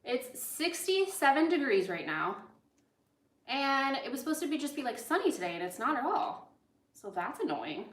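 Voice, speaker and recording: This American chef, raised in Los Angeles, hosts a cooking livestream where she chats loosely and wanders off into tangents while working. Her voice is high, swinging widely in pitch, at an ordinary pace. An echoey indoor space surrounds her.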